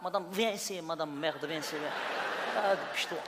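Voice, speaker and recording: Man putting on his gruff short-tempered old father. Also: a little high, a little fast, voice pushed down, close to an everyday voice. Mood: impatient. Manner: barking, bossy, swears. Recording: live hall with audience and noise.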